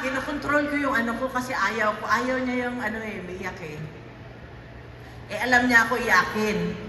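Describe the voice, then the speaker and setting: A middle-aged woman giving a tearful personal speech to a gathering, halting often and restarting her sentences. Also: a little high, bright, forceful tone, recorded from a distance, slight background noise. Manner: halting, with many restarts and fillers. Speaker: speaker addressing a gathering. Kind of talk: emotional personal storytelling speech. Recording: echoey hall, voice picked up from afar.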